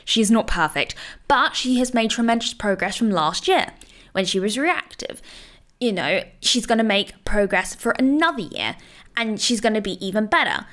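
A woman dog trainer talks through her advice in a loose, chatty way, leaning on "you know" and "like" as she goes. Her tone stays reassuring and encouraging, with a voice at an ordinary middle pitch. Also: lively intonation, normal speed, fairly bright tone. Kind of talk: casual advice monologue.

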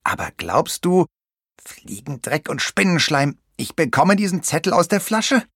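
Man playing a little pirate captain, high, bossy, blustering, childish, lively pitch. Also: a little slow, breathy edge, no echo, studio quality, full character voice. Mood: boastful. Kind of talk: audiobook character voice.

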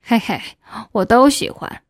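Woman doing a pushy middle-aged official guy, coaxing, breathy, kinda high, dry close sound. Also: expressive, measured pace, dry recording. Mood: lewd coaxing. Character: lustful male official, middle-aged, domineering.

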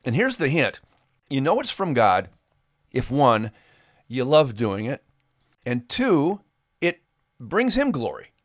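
A man's voice: mid-range voice, huge pitch swings, slow pace, pauses often, no room sound, studio quality. A middle-aged man hosting a podcast, speaking to listeners in an earnest, folksy, conversational way. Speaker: podcast host and ministry performer.

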